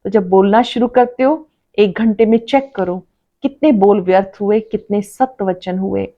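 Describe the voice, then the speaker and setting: A woman reading a devotional sermon as a spiritual teacher, slowly, repeating key phrases for emphasis. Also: mid-range voice, dull audio.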